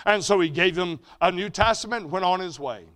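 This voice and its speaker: A man preaching a sermon at a mission conference, rising to loud emphatic peaks and then dropping low and quiet. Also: brisk.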